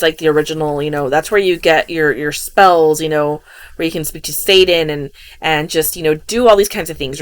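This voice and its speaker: A woman with a fairly low voice, recorded without echo, hosts a podcast and retells a strange case. She rambles casually, filling her talk with "you know" and "um," like someone recounting a true story to friends.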